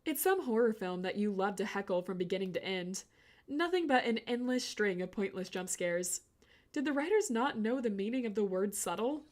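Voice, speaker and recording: A young woman streamer reading a horror visual novel aloud with a theatrical, animated delivery. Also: medium pitch, normal speed.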